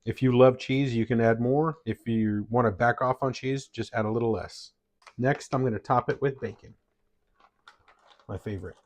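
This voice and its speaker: A man's voice: medium pitch, normal speed, darkish tone. Enthusiastic man talking through a recipe. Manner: friendly, enthusiastic, walks viewers through steps. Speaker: cooking vlogger. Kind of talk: casual recipe vlog talk to camera.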